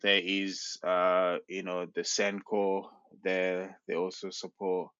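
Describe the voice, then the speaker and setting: A man's voice: sits low, completely flat delivery, slow pace, fairly bright tone, clean tone, no room sound. A young man, a researcher being interviewed on a podcast, explaining his work in a hesitant way with many restarts. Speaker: PhD researcher guest. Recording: dull, dry sound.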